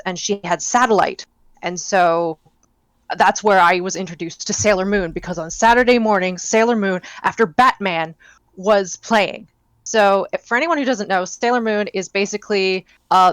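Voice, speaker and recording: A woman's voice: medium pitch, clean tone, no room sound. A young woman co-hosting a podcast, chatting casually and enthusiastically with lots of fillers. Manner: rambling, enthusiastic, many fillers. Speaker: podcast co-host. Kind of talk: casual chat.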